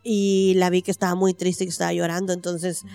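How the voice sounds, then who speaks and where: A woman's voice: lowish voice, flat delivery, fairly quick, vocal fry, darkish tone, smooth, no room sound, faint music behind. A woman with a Mexican accent telling a personal story in casual chat, acting out the voices she quotes and using slang.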